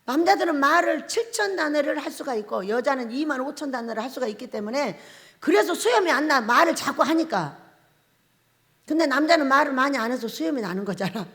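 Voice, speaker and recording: Woman pastor preaching, high voice that bounces up and down a lot, joking and laughing, big echoey church hall. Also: animated, fairly quick, fairly bright tone. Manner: humorous, laughs often while preaching; acts out husband-and-wife dialogues. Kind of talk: sermon. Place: church sanctuary.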